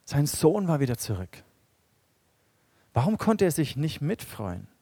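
A man preaching a sermon in a lively storytelling way, acting out the characters he quotes. Now and then he drops to a quiet, low voice to stress a point. The sound is dry and close, with no room echo. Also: a little slow, creaky, slightly rough. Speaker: pastor.

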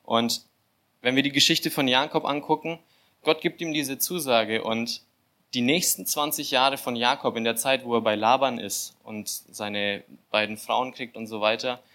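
A young man giving an informal sermon, telling a scripture story with filler words and lively, acted-out asides. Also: mid-range voice, moderate pace. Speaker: church volunteer giving a sermon. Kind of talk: casual sermon.

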